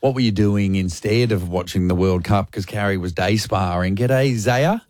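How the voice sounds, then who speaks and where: A man's voice: lowish voice, normal speed, darkish tone, dry recording, studio quality. A man with an Australian accent hosting a radio show, chatting and teasing callers in a jokey way. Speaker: radio host. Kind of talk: casual chat.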